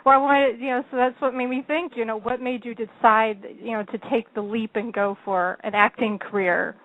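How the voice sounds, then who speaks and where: A woman's voice: fairly high pitch, fairly even intonation, normal speed. Female host from Texas, friendly, laughs often, phone-line sound. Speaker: interviewer host. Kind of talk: casual interview talk.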